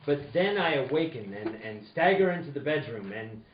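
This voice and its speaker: This wry narration comes from a man in a mid-range, lively voice at a moderate pace, sounding close to how he'd normally talk. He plays a serious, tough-talking insurance investigator in a vintage radio detective show, reading theatrically and tripping slightly over lines. It was captured from a distance in a roomy space, so it sounds dull and a bit noisy.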